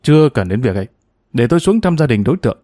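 Man reading a calm older retired investigator. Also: medium pitch, fast talker, dry recording, clean studio sound. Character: retired male police investigator, older, patient and gently wry.

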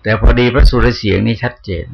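An older man, a Buddhist monk, giving a dharma talk in a conversational teaching manner with soft tag particles. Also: mid-range voice, fast talker. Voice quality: gravelly, husky. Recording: dull lo-fi recording.

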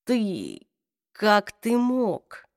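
A woman reader voicing a young man who speaks low, hushed and clipped, reading a fantasy audiobook. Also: huge pitch swings, extremely slow, no room sound, studio quality, heavily acted. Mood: stunned. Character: young man, stunned, then cold and sharp.

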